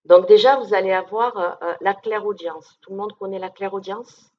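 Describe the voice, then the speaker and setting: A woman's voice: medium pitch, moderate pace, lo-fi sound. A woman medium giving an informal conference talk to an audience, down-to-earth and chatty, often checking in with listeners. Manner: down-to-earth, chatty, many fillers and check-ins.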